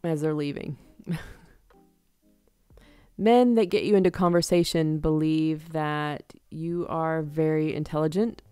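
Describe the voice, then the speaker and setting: Tarot reader, woman, low smooth voice, chatty with frequent laughs, dry close sound, soft music underneath. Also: dry recording. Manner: chatty, laughs often, acts out quick examples. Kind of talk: casual tarot reading to camera.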